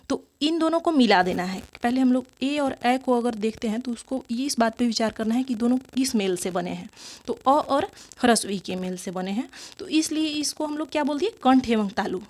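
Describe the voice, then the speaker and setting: A woman's voice: sits high, a little mellow. A woman teaching an exam-prep grammar lesson, explaining step by step, repeating key terms and answering her own questions. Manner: asks the class questions and answers them herself.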